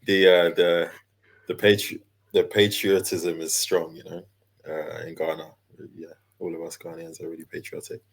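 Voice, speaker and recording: A laid-back man in his thirties talks as an interview guest. His voice sits very low and deep. He speaks in an easygoing, unhurried way, with plenty of fillers. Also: flat delivery, breathy edge. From London, England. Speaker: guest, character designer and illustrator. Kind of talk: casual interview chat.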